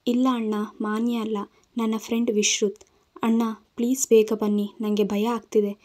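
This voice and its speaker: A frightened young woman begs through tears, her words shaky and pleading, as a woman reading an audio story voices her. The tone is soft and mellow rather than bright. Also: fairly high pitch, flat delivery, moderate pace, lightly acted. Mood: tearful pleading. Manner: tearful, trembling pleading.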